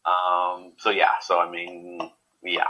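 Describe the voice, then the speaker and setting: A man in a casual interview, talking haltingly with many repeated words and fillers. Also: sits low, completely flat delivery, sharp tone, poor audio. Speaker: guest.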